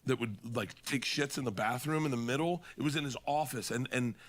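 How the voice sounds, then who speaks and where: Rambling, animated man telling podcast stories. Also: medium pitch, a little fast. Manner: rambling, animated, laughing, swearing. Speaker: comedian guest. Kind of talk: casual podcast storytelling.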